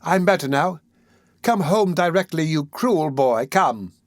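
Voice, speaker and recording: A man's voice: a little high, animated, measured pace, no echo, studio quality. A man reading aloud and voicing a theatrical young woman who wails and pleads. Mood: wailing. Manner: pleading, tearful outbursts.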